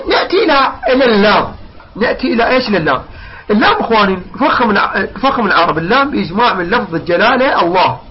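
A man's voice: high-pitched, slightly rough, lo-fi sound. A man teaching Quran recitation rules, explaining patiently, repeating points and drawing out the recited examples. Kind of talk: recitation lesson.

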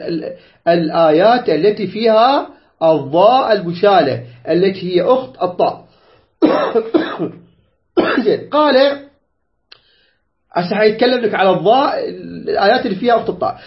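A man's voice: high voice, expressive, normal speed, pauses often. A man teaching a tajweed lesson, repeating points, quizzing students and stretching out example words. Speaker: Quran recitation teacher. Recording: dull lo-fi recording.

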